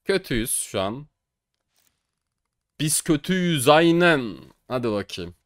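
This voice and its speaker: Excitable young man, dry close sound. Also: on the high side, slow pace, dry recording. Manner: excitable, swings between boasting shouts and mock crying. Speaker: gaming streamer. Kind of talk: casual case-opening commentary.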